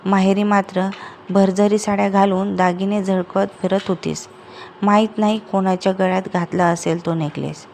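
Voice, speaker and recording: A woman's voice: mid-range voice, steady tone, normal speed, vocal fry, a little mellow, a little hiss or hum, close to an everyday voice. A woman reading as a harsh scolding mother-in-law. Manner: scolding, accusing.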